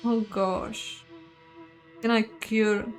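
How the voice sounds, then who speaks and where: A woman's voice: a little high, level tone, very slow, faint music behind. A woman playing a story game, reading its text aloud with casual asides and the odd curse. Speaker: game streamer. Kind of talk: voiced game playthrough.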